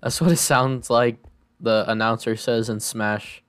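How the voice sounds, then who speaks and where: A man's voice: mid-range voice, little pitch movement, a little slow, smooth. A man playing Minecraft with a friend, joking and reacting casually as he plays. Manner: joking, playful, mutters reactions to the game. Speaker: Minecraft server player, channel host. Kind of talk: casual gaming chat.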